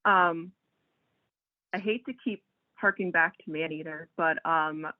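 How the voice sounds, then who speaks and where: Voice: medium pitch, fairly even intonation, unhurried. An interviewer asking questions, hesitant, opening them with "um". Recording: tinny phone-like line.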